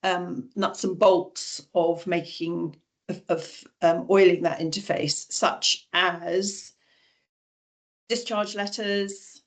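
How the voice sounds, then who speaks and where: A woman's voice: on the low side, fairly even intonation, slow. A woman hosting an informal online session, speaking hesitantly and searching for words. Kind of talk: informal online drop-in talk. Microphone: video call.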